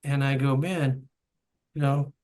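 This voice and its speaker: A man's voice: mid-range voice, steady tone, slow pace, darkish tone. A man in his seventies hosting an interview, telling stories with chuckling asides. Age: 70s. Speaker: host and bandleader. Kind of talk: reminiscing interview chat.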